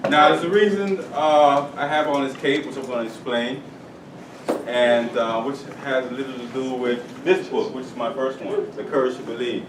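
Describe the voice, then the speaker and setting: A man's voice: mid-range voice, steady tone, moderate pace. Upbeat guy talking to a class at career day, kinda far from the camera, echoey room with noise around. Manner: upbeat, playful call-and-response with the class. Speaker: guest speaker at a school career day. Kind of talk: motivational talk to children. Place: school classroom or hall.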